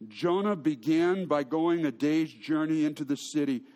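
A man's voice: a little high, moderate pace, a little mellow. A man preaching a sermon, telling stories with humor and often restarting his sentences. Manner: storytelling with humor and frequent restarts. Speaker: pastor.

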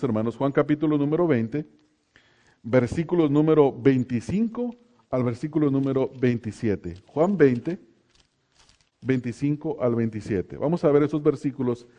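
A middle-aged male pastor preaches to his congregation, folksy and joking as he calls on them by name. His voice sits a little on the high side for a man. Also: mellow, lo-fi sound. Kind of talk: sermon.

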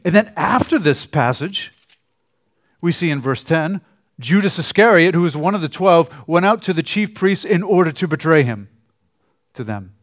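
A man preaching a sermon in a conversational way, often trailing off softly at the ends of phrases. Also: a little high, lively intonation, normal speed. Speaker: pastor.

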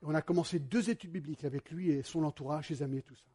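A man, a pastor preaching a sermon and telling stories to his congregation in a lively way. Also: on the high side, racing, breathy edge. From United States. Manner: animated storytelling, addresses the congregation directly.

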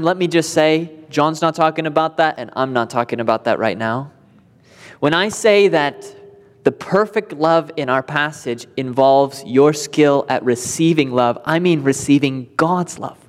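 A man's voice: a little high, long reverb tail. A male pastor preaching a sermon in a conversational way, with light laughs between points.

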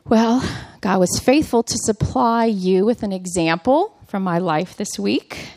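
A woman in her thirties gives a personal devotional talk to a group of mothers. She tells her story in a chatty, humorous way, at a middle pitch. The recording is dry and close, with little sound of the room. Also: a little slow, darkish tone, dry recording.

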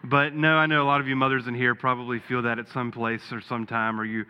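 A man's voice: mid-range voice, little pitch movement, quick pace, slight background noise. A man preaching to his congregation in an earnest, folksy way. His voice rings with the long reverb of a church hall, and the recording sounds a little dull. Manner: folksy storytelling with a joke, earnest. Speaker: pastor. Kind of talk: sermon. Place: church sanctuary.

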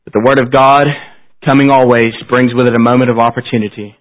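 Speaking fast at a pulpit microphone during a church service, a man with a mid-range, fairly flat voice delivers a solemn, exhortatory sermon to his congregation, leaning on repetition and pointed phrasing before closing in prayer. The recording sounds slightly dull and band-limited.

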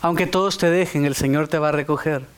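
Brief: male preacher, high voice, emphatic sermon delivery, asks the congregation questions. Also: steady tone, quick pace, a little hiss or hum. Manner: emphatic, rising to high exclamations; speaks directly to the congregation with questions.

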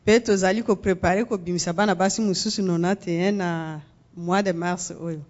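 A woman from Congo, a guest speaking in measured phrases and pausing for an interpreter in a church. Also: on the low side, fairly even intonation, darkish tone, highs cut off. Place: church sanctuary.

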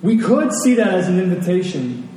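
Very animated and high-voiced, this man preaches a conversational sermon at a moderate pace in a mellow tone, repeating key phrases for emphasis. The sound comes from a distant mic in a large hall, heavily echoed with faint noise.

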